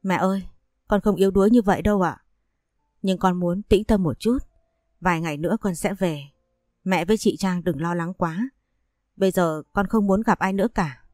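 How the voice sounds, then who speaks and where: A woman's voice: fairly low pitch, normal speed, a little mellow, no room sound, studio quality, lightly acted. A woman voicing a heartbroken young woman teacher who speaks in a pleading, tearful way. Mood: apologetic.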